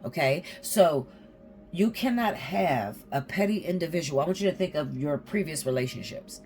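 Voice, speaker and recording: A woman's voice: deep voice, lively intonation, normal speed, darkish tone, faint music behind. A woman giving a casual tarot reading to her viewers, blunt and swearing freely, often checking in with "okay?". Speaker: tarot reader.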